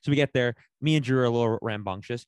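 A man co-hosting a casual podcast, telling a rambling, animated story full of slang and swearing. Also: mid-range voice, quick pace, smooth, no echo. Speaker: podcast co-host.

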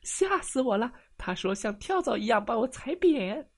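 A skittish little cat yelps in a very high, squeaky voice. It is a storybook animal whose pitch jumps around, nervous and easily startled. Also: male voice, sing-song, normal speed, heavily acted. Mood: scared. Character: small scared cat, easily frightened.

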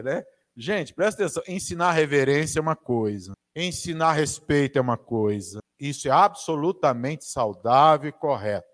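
A man with a Brazilian Portuguese accent, preaching a conversational sermon with asides to the audience. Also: medium pitch.

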